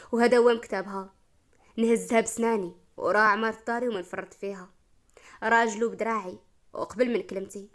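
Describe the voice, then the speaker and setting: A woman with a Moroccan accent voicing a stern, commanding man in his thirties who speaks heavily and deeply. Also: natural voice. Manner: deep, heavy, weighty delivery.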